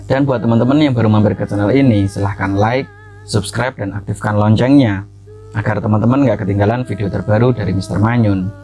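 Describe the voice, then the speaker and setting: Give me a low-voiced man with a soft, dark tone telling a spooky story in a relaxed, rambling way. He sounds like a host chatting with regular viewers, not like someone reading a script. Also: brisk, creaky. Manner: chatty, loose, frequent fillers and asides. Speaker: horror story channel host. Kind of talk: casual storytelling narration.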